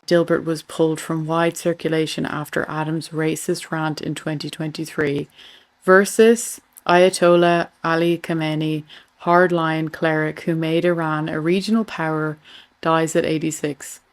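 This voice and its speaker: Lower-voiced woman hosting political commentary. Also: little pitch movement, a little slow. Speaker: host. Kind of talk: political meme commentary, reading captions aloud.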